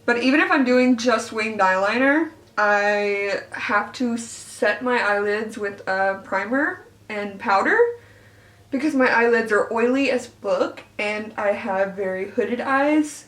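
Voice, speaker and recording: A woman's voice: medium pitch, slow, fairly bright tone. American woman, casual beauty vlogger, talking with whitening trays in mouth, candid, informal, echoey room, distant mic. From Arkansas, southern United States. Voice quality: speech slightly altered by teeth whitening trays in mouth. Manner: candid, informal, swearing, self-deprecating. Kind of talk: casual chatty get-ready-with-me vlog.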